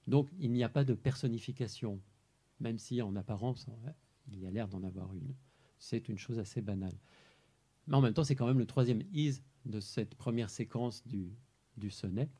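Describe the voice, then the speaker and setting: Man, translator giving a talk; mellow, husky tone; measured and explanatory. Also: medium pitch. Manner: measured, explanatory, pausing over single words. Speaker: translator presenting his work. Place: amphitheater.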